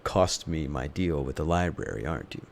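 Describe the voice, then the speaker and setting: Guy doing ancient elf shop lady, customer service voice, kinda fed up, low pitch, noisy room. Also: expressive, moderate pace, vocal fry, exaggerated voice. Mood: wary recognition. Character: elven woman shopkeeper, centuries old, frustrated, coolly polite. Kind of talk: tabletop game role-play.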